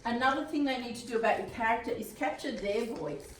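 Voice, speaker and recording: A woman's voice: fairly high pitch, a little fast, slight background noise. An Australian woman presenting a writing workshop in a chatty way, laughing at her own asides. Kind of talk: live workshop talk. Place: workshop room at a retreat. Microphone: distant room mic. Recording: echoey room, voice from far off.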